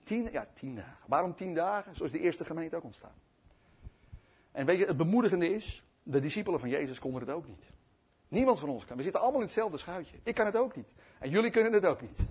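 Animated, humorous male preacher. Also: on the high side, husky. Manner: animated, humorous, addresses the congregation directly. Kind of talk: sermon storytelling.

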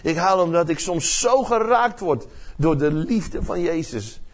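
Older pastor preaching with passion. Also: male voice, fairly high pitch, expressive, measured pace. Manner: impassioned preaching, swinging from loud to hushed; repeats words while searching for phrasing. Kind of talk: sermon.

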